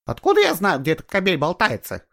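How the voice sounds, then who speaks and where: A man reading a book aloud, voicing a hoarse, quarrelsome woman under forty who snaps scornfully at visitors. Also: huge pitch swings, a little fast, heavily acted. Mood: shrill, scornful. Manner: shrill and scornful, snapping back.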